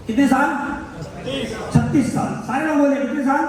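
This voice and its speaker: A man's voice: extremely high pitch, normal speed, a little mellow. A man in his thirties giving a motivational business seminar, quizzing the crowd with repeated questions and answers. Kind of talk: seminar speech to a live audience. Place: large hall. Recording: echoey hall from far off, faint noise.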